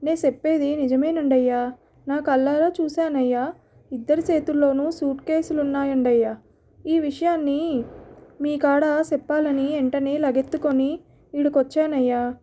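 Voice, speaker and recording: A woman's voice: high-pitched, steady tone, normal speed, mellow, natural voice. A woman voicing a humble rustic male servant who reports news urgently in village speech.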